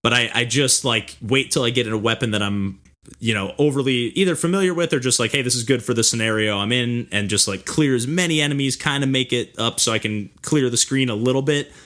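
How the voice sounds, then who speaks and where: Bright-voiced man hosting a podcast. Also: medium pitch, fairly quick. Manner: rambling, full of "like" and "you know". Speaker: podcast host. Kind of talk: casual chat about video games.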